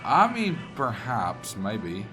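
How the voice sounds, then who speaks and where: Speaking slowly in a lowish voice whose pitch swoops wildly, this Dutch-accented man rambles through a livestream, answering chat messages as he games. The audio quality is poor, with game music running underneath.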